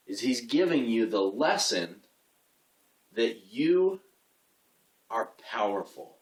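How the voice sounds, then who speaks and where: A young man speaks earnestly about faith in a casual, unscripted way, circling back and repeating words as he thinks. His voice sits in a middling register. The sound is roomy and a little distant from the microphone. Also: medium pitch. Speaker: video host giving faith advice. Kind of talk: casual inspirational talk to camera.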